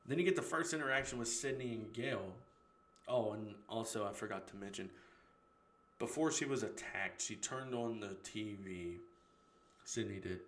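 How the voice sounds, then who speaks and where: A man's voice: lowish voice, unhurried, long pauses, a bit bright, slight background noise. Profane casual man in echoey room. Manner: profane, laughs at own retelling. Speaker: horror movie reviewer. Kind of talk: casual movie recap.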